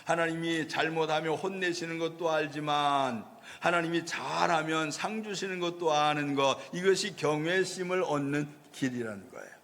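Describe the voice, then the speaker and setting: A man's voice: on the high side, moderate pace, fairly bright tone, long reverb tail. A male pastor preaching a storytelling sermon, acting out the voices of people in the story. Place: church sanctuary.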